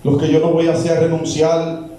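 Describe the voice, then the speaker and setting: A man's voice: on the high side, little pitch movement, fairly quick, warm tone, heavy reverb, distant mic, poor audio. A man preaching a sermon as pastor, with emphatic repeats that climb and drop. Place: church.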